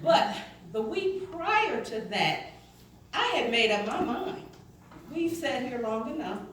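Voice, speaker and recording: A woman's voice: on the high side, big pitch swings, slow pace, fairly bright tone, slight background noise. A middle-aged woman telling her personal testimony to a church, acting out the dialogue as she tells it. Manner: storytelling, quoting others in dialogue. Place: church sanctuary. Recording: echoey church hall from far off.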